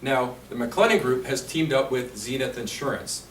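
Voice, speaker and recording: A mid-pitched man at a moderate pace runs an easygoing insurance seminar, chatting and quizzing the audience in a seniors' residence meeting room. The recording has a roomy, distant quality and faint hiss.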